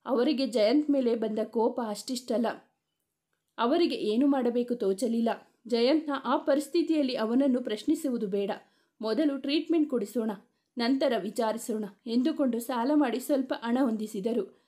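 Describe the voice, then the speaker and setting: A woman reading a dramatic family story aloud in a steady narrating voice. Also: fairly high pitch, normal speed.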